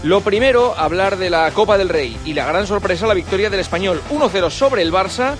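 A man hosting a radio sports round-up, reading his links in a brisk, upbeat presenter style. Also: sits high, animated, soft background music. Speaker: radio sports show host.

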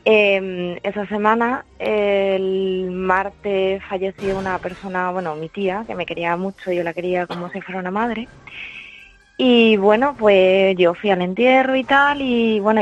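A woman calling in to a radio show, telling her story haltingly with many pauses to find her words. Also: mid-range voice. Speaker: radio caller. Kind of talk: call-in storytelling. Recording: dull lo-fi radio sound.

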